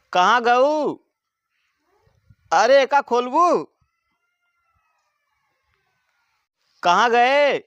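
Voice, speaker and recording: A man's voice: very high-pitched, highs cut off, full character voice. A man with an eastern Uttar Pradesh accent playing a town drunk, a whiny, pleading village husband, in an amateur comedy skit. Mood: loud, grumbling.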